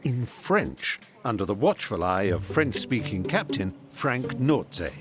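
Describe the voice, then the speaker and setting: Man, mid pitch, highly lively range, scripted TV documentary narrator, playful and wry, music bed. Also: slow pace.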